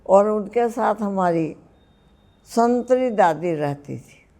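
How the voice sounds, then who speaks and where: Old woman in her 70s, gravelly mellow voice, slow reflective storytelling. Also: medium pitch, lively intonation. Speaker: spiritual teacher. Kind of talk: personal storytelling.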